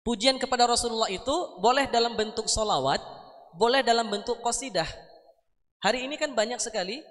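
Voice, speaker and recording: A man's voice: very high voice, fairly quick, a bit bright. A young man preaching at a mosque study session on a handheld mic, chatty and joking, breaking into melodic chanting. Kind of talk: mosque study sermon with sung dhikr. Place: mosque hall. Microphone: handheld microphone. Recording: roomy echoing mosque hall.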